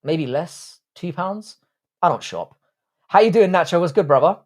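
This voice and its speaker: This livestream host is a man in his thirties with London English, Irish-born and brought up in southwest London. His voice is high-pitched and expressive at a moderate pace as he fields viewer comments bluntly, crudely and with jokes.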